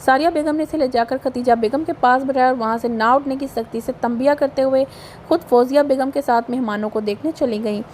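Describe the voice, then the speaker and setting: Woman, high voice, pakistani urdu accent, audio novel narration, lively character voices, faint hiss. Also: a little fast. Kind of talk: reading a romance novel aloud, voicing all characters.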